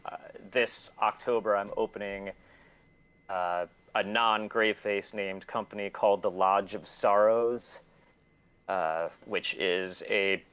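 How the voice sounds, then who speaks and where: Slow, steady and fairly low, with a clean, fairly bright tone, a man who runs a record label and shop rambles through a casual interview, cursing freely and putting himself down.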